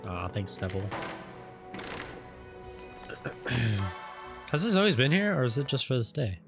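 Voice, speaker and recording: A man's voice: medium pitch, very animated, a little slow, over music. A man casually commentating his video game playthrough, rambling and tripping over his words, then joking about it. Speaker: let's play host.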